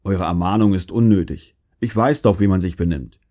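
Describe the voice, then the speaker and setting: A man voicing a grumpy, fault-finding master craftsman who scolds everyone, speaking low and scornfully. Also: moderate pace, mellow, lightly acted. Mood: grumbling. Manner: grumbling, scornful.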